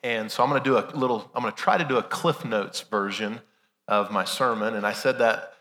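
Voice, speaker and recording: A man's voice: lowish voice, a little fast, sharp tone. A man preaching a Sunday sermon in a conversational way, asking rhetorical questions, his voice weak and strained from being sick. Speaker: pastor. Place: large church room during a service. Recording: reverberant hall sound.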